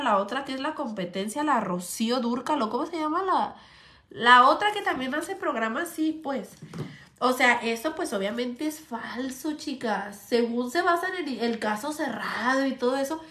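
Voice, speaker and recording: Young woman, Mexican accent, casual crude chat, swears a lot, bright tone. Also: on the high side. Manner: crude, slangy, swears freely, addresses viewers as sisters. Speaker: vlogger. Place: indoor set.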